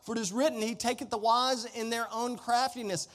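Extremely high in pitch yet steady in tone, a bit bright and fairly quick, this pastor preaches to his congregation. He speaks emphatically with folksy direct address and repeated phrases in a large indoor room, where the reverberant hall produces a long echo.

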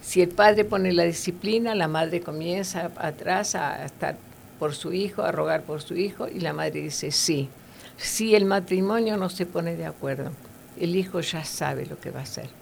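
A woman's voice: on the low side, moderate pace, creaky, a little mellow, a little hiss or hum. A woman giving earnest, conversational Bible teaching, with fillers and tag questions.

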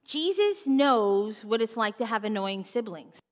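A woman preaching a sermon, telling the story with animated expression and dropping to a hush for solemn points. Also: fairly high pitch, a little slow. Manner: animated storytelling, acts out mocking voices, drops to a hush for solemn moments. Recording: long reverb of a church hall.

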